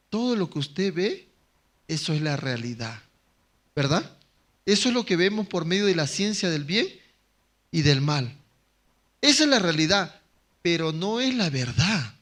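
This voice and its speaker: A male pastor with a Bolivian Spanish accent preaching a sermon, talking with the congregation through constant questions, dropping to soft asides and then rising to loud emphatic lines. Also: high-pitched.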